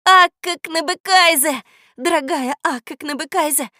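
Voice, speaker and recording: A woman voicing an eager young boy who calls out excitedly and pleads for help. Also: high-pitched, normal speed, no echo, studio quality, pitched above the performer's own voice. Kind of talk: audiobook character voice.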